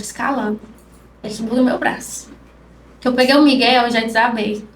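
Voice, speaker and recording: A woman guest on a podcast telling an emotional personal story, acting out the dialogue in soft-spoken speech. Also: sits high. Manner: acts out quoted dialogue, speaks softly. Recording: roomy, distant mic with faint noise.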